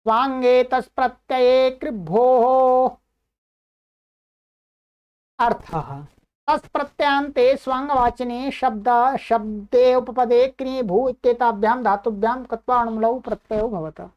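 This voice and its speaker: Female grammar teacher with a high voice, recites rules and then explains them clearly. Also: slow pace, highs cut off. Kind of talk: online grammar lesson.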